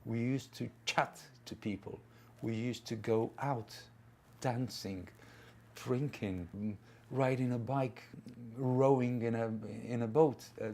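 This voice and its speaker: A man in his fifties answering interview questions in a halting, reflective way, with frequent filler pauses. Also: medium pitch, a little mellow, slight background noise. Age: 50s.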